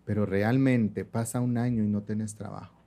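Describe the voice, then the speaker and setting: A man's voice: on the low side, normal speed. A young man, chatting as a makeup artist guest and acting out the voices in his stories. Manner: animated storyteller, acts out quoted voices, laughs often. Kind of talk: casual conversational interview.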